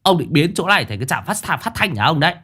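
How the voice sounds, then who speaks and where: A man doing a shrill, scolding young master. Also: very animated, moderate pace, sharp tone. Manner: scolding, nagging.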